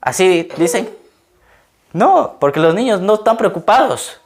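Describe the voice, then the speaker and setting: A pastor delivers a sermon in a relaxed, conversational way. He keeps turning to his listeners with questions and laughs often at his own stories. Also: high voice, unhurried. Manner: conversational, asks the congregation questions.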